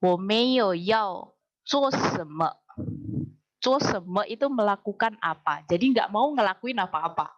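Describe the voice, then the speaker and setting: A Mandarin teacher leads a language class, explaining patiently, slowing right down to drill phrases, and quizzing her students again and again. Her voice is medium-pitched and animated, and the sound is lo-fi.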